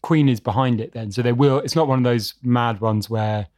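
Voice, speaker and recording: Guy cohosting a podcast, casual chat, kinda halting with dry jokes, dry close sound. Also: medium pitch, a little mellow, no room sound. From England. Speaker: podcast co-host.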